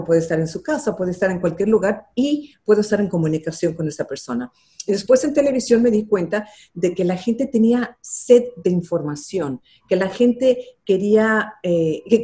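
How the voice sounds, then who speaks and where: There's a warm, somewhat low quality to this older woman's voice. She's a television journalist and interview guest, thoughtfully and sincerely telling the story of her career with some filler words.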